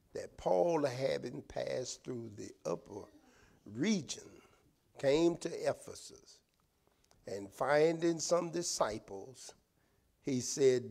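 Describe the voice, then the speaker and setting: Very slow-preaching older man. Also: medium pitch, a little mellow. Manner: slow, drawn-out preaching with repeated amens. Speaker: pastor. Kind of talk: sermon. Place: church sanctuary, indoors. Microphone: pulpit microphone, far camera.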